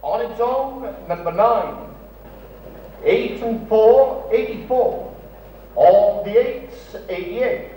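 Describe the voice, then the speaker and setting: A woman's voice: on the high side, slow pace, dark tone, slight background noise. A woman working as a bingo caller, calling out numbers in set phrases. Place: large club hall. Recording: echoey hall, far from the mic.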